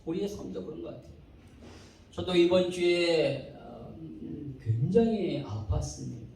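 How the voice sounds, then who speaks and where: A man preaching a sermon as pastor, animated, acting out people's complaints in quoted voices. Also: a little high, gravelly, roomy sound, far from the mic, low-quality recording.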